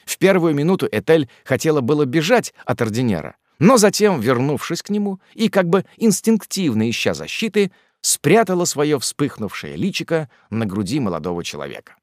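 A male narrator reads a classic novel with theatrical expression and a lively, wide-ranging pitch. The recording is dry and close-miked, with no room sound. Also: normal speed, hardly any pauses, no room sound. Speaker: audiobook narrator. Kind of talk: scripted narration.

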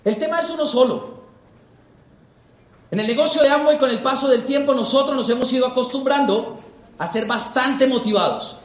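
A man's voice: extremely high pitch, normal speed, pauses often. A young man from Colombia giving an emphatic motivational talk to a live audience, full of repeated rhetorical questions. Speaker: motivational speaker. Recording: echoey hall.

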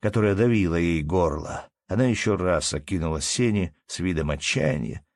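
A man narrating a classic story as an audiobook reader in a steady, measured way. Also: deep voice, no room sound, clean studio sound. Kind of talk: literary narration.

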